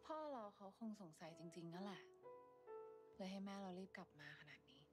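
A woman's voice: mid-range voice, brisk, music in the background, lightly acted. An actress playing a composed grown woman in love who speaks firmly and tenderly in a TV drama. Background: clear drama score.

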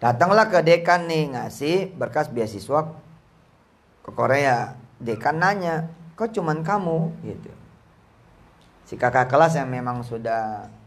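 A man preaching a lively, joking sermon at a boarding school gathering, telling stories in casual speech. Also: measured pace, pauses often. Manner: jokey, acts out quoted voices with big pitch jumps.

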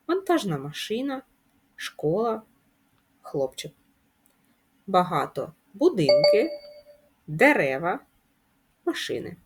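Lively, breathy woman teaching young children. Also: mid-range voice. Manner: clear, patient explaining to children. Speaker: primary school teacher. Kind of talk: video lesson for children.

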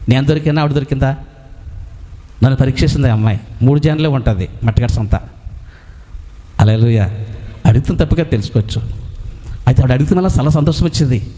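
A man's voice: medium pitch, fast, pauses often, mellow, big-room sound. A man preaching a sermon as a pastor, who asks rhetorical questions and answers them himself, with frequent hallelujahs.

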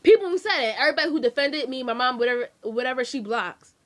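A woman's voice: high voice, fast. A young woman, a daughter, ranting in a casual vlog in a scolding, dismissive way. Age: young adult. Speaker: daughter answering a video.

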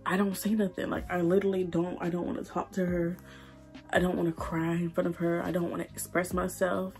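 A young woman, crying and halting as she tells her story while doing her makeup. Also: on the low side, little pitch movement, vocal fry, a little mellow, faint music behind. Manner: emotional, halting, repeats herself. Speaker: beauty vlogger. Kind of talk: tearful get-ready-with-me chat.

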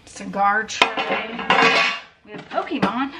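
Inside a metal storage unit, a woman in her thirties who resells storage unit finds talks wryly to the camera while sorting items. Her medium-pitched voice is slow, and the recording is very noisy. She narrates casually, musing aloud about each discovery.

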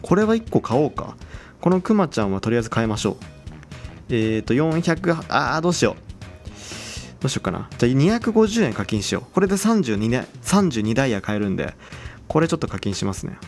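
A young man talks his way through a game in a casual, chatty commentary. His pitch swings around a lot as he gets excited over each new thing, and faint background music plays beneath him. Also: fast. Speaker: game channel host.

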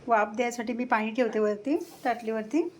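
A woman's voice: on the high side, fairly even intonation, fairly quick. A woman vlogger casually narrating her home cooking in a kitchen, chatting directly to her viewers. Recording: noisy kitchen with clattering utensils. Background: pots, cutlery and stirring clatter.

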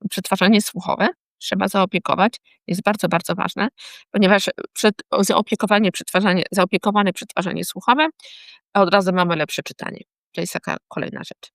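A woman teacher with a mid-range voice explains the warning signs of dyslexia to parents and teachers at a moderate pace. She's lively and keeps checking in with short tag questions like "tak?" and "hmm?", and the recording is dry.

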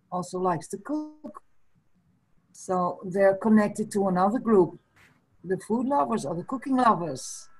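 Her voice is mid-range with a darkish tone, and the webcam recording is rough. She is a Dutch guest in her fifties, a native Frisian speaker, chatting casually from a small room, pondering slowly and laughing softly now and then.

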